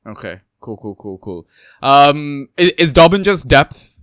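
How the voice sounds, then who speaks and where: A man's voice: on the high side, very animated, unhurried, fairly bright tone, clean tone, no echo, clean studio sound. A man hosting a casual podcast who asks questions in a chatty, hesitant way, with many fillers and restarts. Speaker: podcast host.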